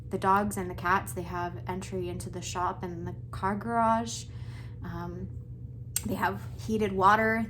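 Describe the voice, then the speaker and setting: A woman's voice: medium pitch, slight background noise. Chatty woman homesteader filming herself outdoors. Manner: chatty, talks while doing chores, laughs and sighs. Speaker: homesteader vlogger. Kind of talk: casual talk to camera. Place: outdoors and in a chicken coop on a farm in extreme cold.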